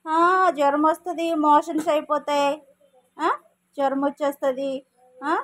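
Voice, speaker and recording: A woman's voice: high-pitched, flat delivery, moderate pace. A woman preschool teacher talking to small children in a classroom. She keeps asking questions, repeats the answers back, and gives simple, firm commands.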